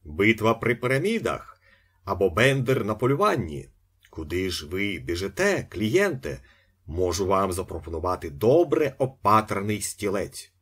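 Man doing a brash shouting swindler. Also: lowish voice, sing-song, normal speed, slightly rough, full character voice. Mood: jeering. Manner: loud, jeering shouts. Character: brash young male swindler shouting in pursuit.

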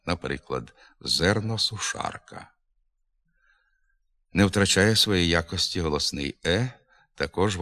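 A man with a very low, deep voice reads a pronunciation lesson at an unhurried pace. He says each example word slowly and distinctly, like a careful teacher. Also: fairly bright tone. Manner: slow, careful, precise enunciation of example words. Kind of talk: scripted instructional reading.

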